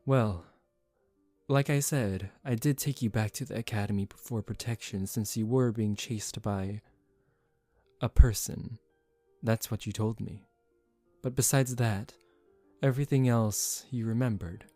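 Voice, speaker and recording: Calm and formal, a man plays a poised young aristocratic vampire for ASMR, speaking softly with gentle command, protective but secretive. His voice is on the low side at a measured pace, gentle and reassuring in mood. The recording is dry, with faint background music.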